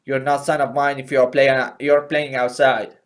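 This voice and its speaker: Man doing a bossy dad character, shouts orders, high and loud. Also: level tone, moderate pace, natural voice. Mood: barking. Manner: barking orders. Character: strict, domineering father.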